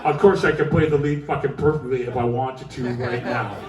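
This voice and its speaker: A man's voice: mid-range voice, steady tone, a little fast. Rambling, swearing man telling stories on stage. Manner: rambling and profane, with asides and "right?" tags. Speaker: musician performing live. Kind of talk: onstage storytelling between songs. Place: music club stage. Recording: roomy live club audio, from far off.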